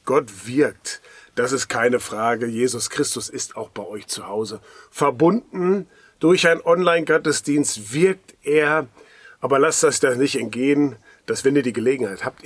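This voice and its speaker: A man giving a daily devotional sermon as a pastor, earnest and pastoral, often dropping to a hushed whisper. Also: medium pitch, slightly rough, no echo.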